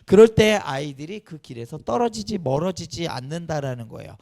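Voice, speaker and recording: A man's voice: a little high, brisk, vocal fry. A man preaching a children's sermon as pastor, often asking the children questions and calling on them. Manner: animated, questioning the children directly. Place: church sanctuary.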